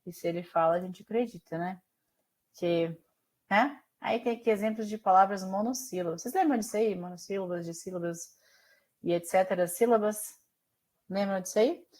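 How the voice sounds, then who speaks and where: A woman with a Brazilian accent leads an online language lesson. Her voice sits at an ordinary middle pitch, and she explains things step by step. She keeps stopping to ask her students questions, as if on a video call. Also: moderate pace, a little mellow. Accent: Brazilian Portuguese. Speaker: teacher. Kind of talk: online class lecture.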